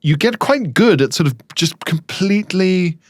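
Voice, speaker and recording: Dry-voiced man telling animated comic stories. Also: high-pitched, normal speed, no echo. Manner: animated, exaggerated storytelling. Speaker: podcast co-host. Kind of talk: casual comedy chat.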